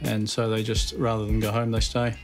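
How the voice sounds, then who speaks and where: A man lawyer answers interview questions plainly and matter-of-factly. His voice is flat and gravelly, and faint music plays underneath. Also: lowish voice, brisk.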